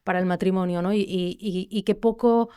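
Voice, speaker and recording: A woman's voice: medium pitch, steady tone, a little fast, mellow, clean tone. A young woman from Spain in a reflective panel conversation, often restarting her sentences and checking in with "¿no?". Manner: reflective, many restarts and tag questions. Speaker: podcast co-host.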